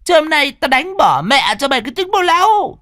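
A man voicing a cruel young stepmother who screeches abuse in a shrill voice. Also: moderate pace, a bit bright, clear, resonant tone, no room sound, clean studio sound, natural voice. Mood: shrieking, furious.

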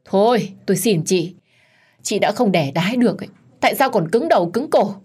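A woman's voice: animated, a little fast, dark tone, husky. A woman voicing a bossy older mother-in-law who scolds sharply in a told story. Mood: scolding. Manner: scolding, shrill.

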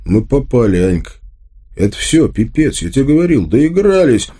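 A man reading an audiobook, voicing a hot-tempered young man who speaks gruffly and curtly. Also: medium pitch, very animated, moderate pace, warm tone, pitched above the performer's own voice. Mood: panicked. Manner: gruff, curt.

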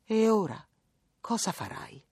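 A woman's voice: mid-range voice, very animated, measured pace, a little mellow, husky, dry recording, studio quality, voice pushed up, full character voice. A woman reading the part of an older peasant mother, talking earnestly and at length in a pleading, rambling way. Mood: anxious.

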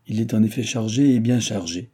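A man reading a stern male president of a secret society in an audiobook, giving orders in a low, very dark, husky voice. Each command comes out solemn and weighty. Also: fairly quick.

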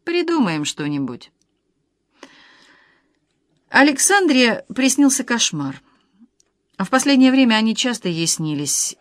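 A woman narrating an audiobook in an expressive, ironic manner. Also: mid-range voice, no room sound, studio quality. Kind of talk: scripted narration.

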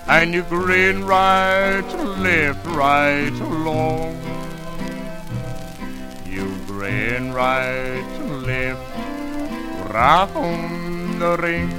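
Male square dance caller with a warbling, wobbly sing-song call, pitched a touch high and drawn out very slowly. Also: low-quality recording. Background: instrumental band music.

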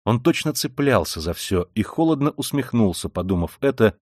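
A man reading a classic novel aloud as an audiobook narrator, in measured, even storytelling. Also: medium pitch, dry recording, studio quality. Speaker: audiobook reader. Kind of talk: scripted narration.

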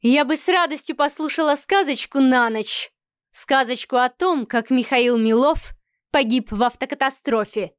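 Woman voicing a cynical haughty mother, sarcastic, slow and cutting, audiobook, higher voice, dry sound. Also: clear, resonant tone, no room sound, lightly acted. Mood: scornful. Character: haughty cynical middle-aged mother, cold and scornful. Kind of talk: audiobook character reading.

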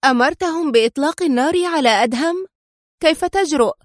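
A woman voicing a fierce, defiant female spy who snaps and shouts in high-pitched fury. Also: animated, brisk, dry recording, studio quality. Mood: furious.

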